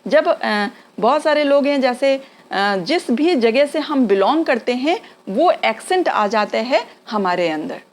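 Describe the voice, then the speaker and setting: Slow-paced woman teaching English. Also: high-pitched, animated. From India. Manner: slow drilled repetition of example phrases. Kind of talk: spoken English lesson.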